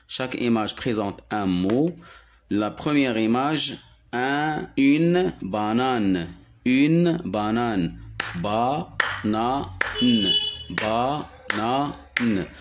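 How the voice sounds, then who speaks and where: Moroccan man, primary teacher, very slow and deliberate, mid-pitched, sounds out words syllable by syllable. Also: slight background noise. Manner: repeats each word slowly and clearly, syllable by syllable. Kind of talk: slow, deliberate reading lesson for young children.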